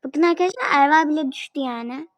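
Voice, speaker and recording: A young woman who makes gaming videos talks casually over a phone game she's playing, chatting with her viewers and a friend. Her voice is high and fast, and the recording is dry and low in quality.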